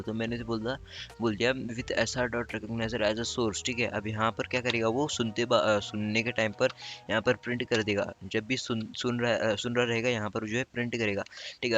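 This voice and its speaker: A man's voice: medium pitch, a bit bright. A young Indian man hosting a casual coding tutorial, chatty and repetitive, often correcting himself as he works on screen. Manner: chatty, repeats itself often, self-correcting.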